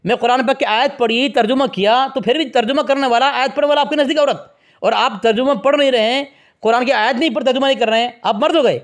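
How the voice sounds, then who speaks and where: A man in a heated religious debate who insistently repeats the same demand, talking over his opponent. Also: very high voice.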